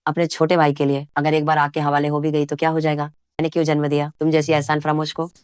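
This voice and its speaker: A woman's voice: deep voice, completely flat delivery, quick pace, darkish tone, clean tone, dry recording, studio quality, natural voice. A woman voicing a greedy, harsh mother in a dubbed drama who scolds her daughter. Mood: scolding.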